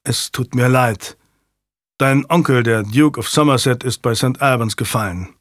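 A man voicing a stern middle-aged nobleman who talks to his sons in a measured, grave way. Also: medium pitch, no echo, clean studio sound, natural voice.

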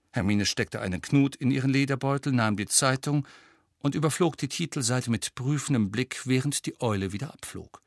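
A man reading a fantasy novel aloud as narrator, with steady storytelling. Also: medium pitch, no room sound, clean studio sound. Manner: steady storytelling, lively for dialogue. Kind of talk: audiobook reading.

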